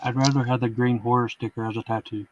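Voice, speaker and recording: A man's voice: mid-range voice, little pitch movement, no room sound, muffled recording. A man teasing the others in a casual group chat. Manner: teasing, quick.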